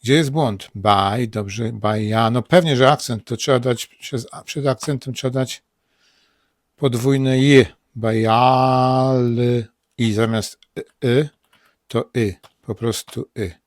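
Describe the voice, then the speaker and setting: A man with a Polish accent teaching English pronunciation in a casual spoken lesson, saying words over and over slowly. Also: mid-range voice, no room sound, clean studio sound. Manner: repeats words slowly, drilling them aloud.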